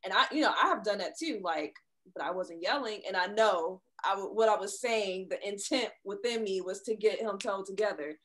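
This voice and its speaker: Woman, reflective, storytelling, mid pitch, casual chat. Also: moderate pace, a bit bright.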